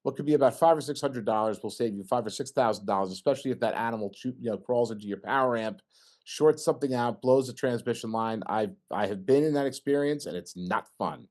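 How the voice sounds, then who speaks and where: This middle-aged man talks fast in a medium-pitched, slightly mellow voice. He's presenting slides at an engineering meeting in an informal technical style, joking and asking the audience questions.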